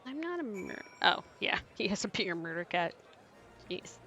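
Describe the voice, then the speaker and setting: A woman's voice: medium pitch, very animated, sharp tone. A woman chatting casually and playfully while she streams a game at home. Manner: playful, chatty, quick to laugh. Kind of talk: casual let's-play commentary. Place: home, with her cat. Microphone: desk microphone.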